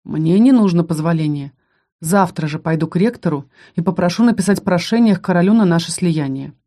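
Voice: medium pitch, expressive, a little fast, mellow, close to an everyday voice. A reader voicing a hot-tempered, possessive young male battle mage in a fantasy audiobook, speaking with intense, demanding force.

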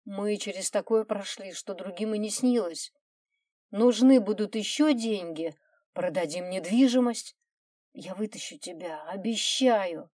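A woman's voice: medium pitch, unhurried, a little mellow, no echo, studio quality, lightly acted. A woman voicing a loving husband who begs his wife to open the door, urgent and emotional. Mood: tender. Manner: urgent pleading. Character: loving husband, pleading and determined.

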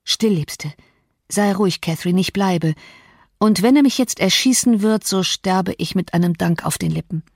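A woman's voice: on the low side, normal speed, a little mellow, no room sound, studio quality. A woman reading the lines of a brooding, bitter man torn by love, in an intense, reproachful tone. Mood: urgent.

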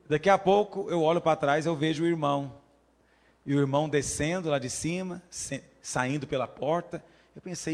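A man with a Brazilian Portuguese accent preaching a sermon as pastor, telling stories and acting out voices, swinging from quiet asides to loud emphatic peaks. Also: fairly high pitch, creaky.

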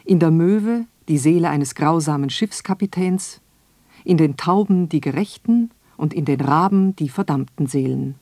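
Woman reading a radio essay, slow and calm, dark husky voice, dry sound. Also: low-pitched, dry recording. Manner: slow, measured, reflective reading. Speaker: essayist reading her own text. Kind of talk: scripted radio essay narration.

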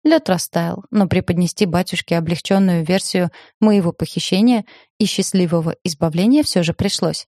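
Woman audiobook narrator, measured and lightly ironic. Low-mellow, dry. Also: no room sound. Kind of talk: scripted first-person novel narration.

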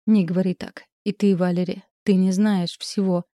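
A woman's voice: lowish voice, level tone, normal speed, dark tone, no echo, studio quality, natural voice. A woman reading the part of a tearful, pleading middle-aged mother in an audiobook.

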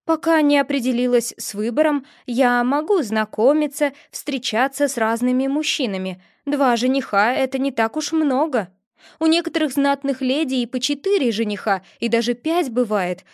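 A woman voices a haughty young princess for an audiobook, her tone high, sharp-edged and pitched well above an everyday voice. She starts coy and sweetly innocent, then flares quickly into shrill fury. The recording is close and dry, with no echo or room sound.

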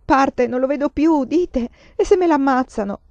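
Woman reading as a frantic young girl begging loud and high, sobbing, bit muffled audio. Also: unhurried, no room sound. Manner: pleading, shouting, sobbing. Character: young foreign woman student, frantic, desperate.

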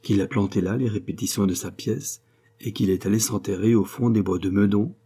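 A man's voice: on the low side, fairly even intonation, fairly quick, warm tone, slightly rough. A man reading the part of a curious, gossiping office head.

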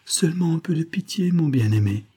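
Guy doing a worn-out poor woman begging, pitched up, husky. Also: animated, fairly quick, mellow. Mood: pleading. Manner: imploring, sorrowful.

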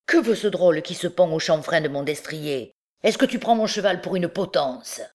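An arrogant young captain drawls out his insults with lazy contempt, as a woman reads him aloud. His voice is pitched low and heavy. It is an audiobook reading of a classic novel. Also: lively intonation, normal speed, darkish tone. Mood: scornful. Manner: scornful, drawling. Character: arrogant swaggering young male army captain.

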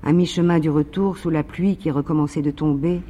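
A man reading a literary novel aloud in a measured, even narration, with a long reverb behind his voice. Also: a little high. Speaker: reader.

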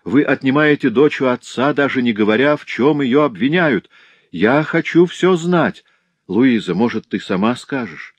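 A man's voice: medium pitch, animated, unhurried, no echo, pitched above the performer's own voice. A man voicing a grief-stricken, furious artisan father in an audiobook reading. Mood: anguished. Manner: anguished shouting, bitter outbursts. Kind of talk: audiobook character voice.

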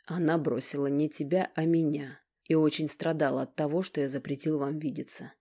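A woman's voice: sits low, brisk, husky. A woman reading a weary, pleading middle-aged father. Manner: calm, sighing, gentle.

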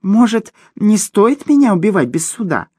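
A tiny boastful gnome squeals and whines in a high, squeaky voice. The pitch leaps wildly about, and the storybook reading sounds dry and close. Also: male voice, sing-song, moderate pace, a little mellow, breathy edge, dry recording, heavily acted. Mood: pleading. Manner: high squeaky wailing, melodramatic. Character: shrill tiny boastful male gnome, whiny thief.

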